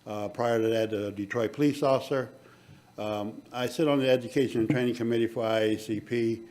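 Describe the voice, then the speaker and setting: A man's voice: medium pitch, steady tone, a little fast, a little mellow. An older man opening his remarks on a conference panel in an affable, lightly joking way. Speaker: panel speaker.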